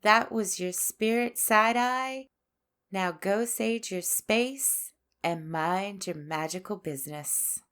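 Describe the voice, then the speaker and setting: A woman's voice: mid-range voice, fairly bright tone, clear, resonant tone. A woman hosting a spiritual podcast, delivering a scripted monologue with sass and a preachy edge. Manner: slow, sassy, preachy delivery. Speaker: podcast host. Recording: faint music underneath.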